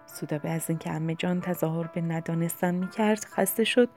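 A woman reading a novel aloud as an audiobook narrator, slow and deliberate. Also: on the low side, steady tone, darkish tone, faint music behind. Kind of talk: scripted narration.

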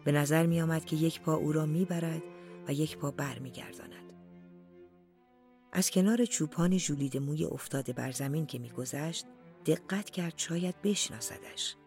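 An audiobook narrator reading a literary story in a slow, deliberate storytelling manner, at times dropping to near-whispers. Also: medium pitch, darkish tone.

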